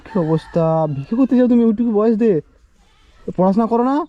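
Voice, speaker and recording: Fast-talking emotional man with a dull, lo-fi sound. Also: extremely high pitch. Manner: pleading, repeats his questions, voice breaks with tears. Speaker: vlogger visiting a poor family. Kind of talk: emotional on-the-spot questioning.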